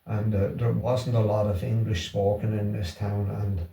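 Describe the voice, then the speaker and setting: A man's voice: fairly low pitch, level tone, moderate pace, dark tone. A middle-aged or older man with a Wexford Irish accent, chatting casually in an interview, hesitating and repeating his words as he goes. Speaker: interview guest, Irish language class organiser. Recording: roomy echo, distant from the mic.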